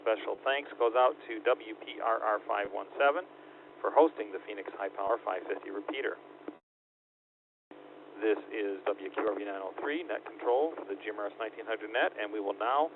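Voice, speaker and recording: A man's voice: lowish voice, moderate pace. A man running an on-air radio net as net control, speaking hesitantly with frequent ums, heard over a two-way radio transmission with static. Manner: hesitant, many ums and uhs. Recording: tinny radio line with faint static.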